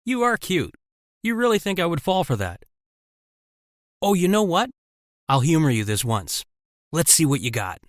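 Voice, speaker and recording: A man voicing a bored, cocky female captor who mocks her prisoners, in an animated story. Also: fairly high pitch, moderate pace, pauses often, no echo, studio quality, voice pushed up. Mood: mocking. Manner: mocking, teasing.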